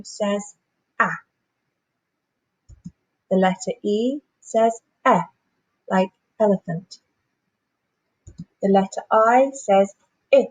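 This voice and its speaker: A woman teaching a phonics lesson to young children, sounding out letters and words slowly and clearly. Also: medium pitch, a little mellow, dry recording, rough recording. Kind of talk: primary school phonics lesson.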